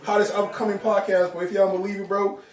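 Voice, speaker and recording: A man's voice: high voice, flat delivery, fast talker, noisy background. A man from Congo, a podcast guest, talking in a hyped, slangy way and repeating himself in casual chat. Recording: roomy echo, mic at a distance.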